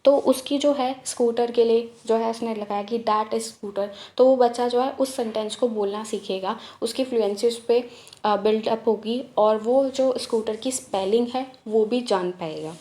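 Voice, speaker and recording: A woman with a fairly high voice and a mellow, rounded tone teaches a lesson. She explains each point step by step with many fillers, and she reads the English headings slowly and deliberately. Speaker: teacher-training tutor.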